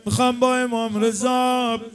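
A man with a high tenor voice tells a devotional story. His delivery is impassioned and slips into half-sung chanting. Soft music plays faintly behind him. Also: little pitch movement. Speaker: religious eulogist. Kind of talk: emotional religious storytelling with chanting.

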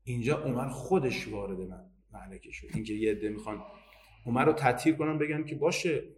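A man giving a religious history lecture, reading old narrations out slowly and then explaining them in everyday speech. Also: medium pitch. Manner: reads Arabic narration slowly, then explains in casual Persian.

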